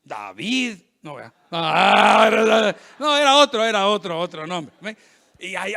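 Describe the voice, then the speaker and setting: A middle-aged man, a pastor preaching a sermon, joking and animated, acting out the voices of people he quotes. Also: high-pitched.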